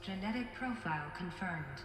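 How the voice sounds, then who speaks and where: A woman voicing a malfunctioning facility computer in a video game, with a flat, clipped delivery. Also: on the low side, a little fast. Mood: glitching. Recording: echoey hall with game music.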